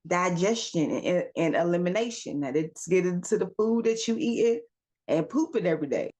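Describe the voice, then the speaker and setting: A woman with a mellow, expressive voice on the low side gives a casual self-help talk as a wellness coach. She fires off rapid rhetorical questions, calls her listeners "y'all" and "baby," and coaches with real emphasis.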